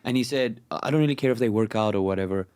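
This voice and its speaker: A man's voice: on the low side, fast, darkish tone, clear, resonant tone, soft background music. A man from South Africa hosting a casual podcast chat, joking, telling stories and laughing often. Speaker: podcast host.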